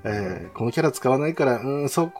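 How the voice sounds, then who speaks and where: A man's voice: mid-range voice, expressive, fairly quick, darkish tone, soft background music. A man chatting casually and politely about games as a host, in a chatty way. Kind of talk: casual game talk with a co-host.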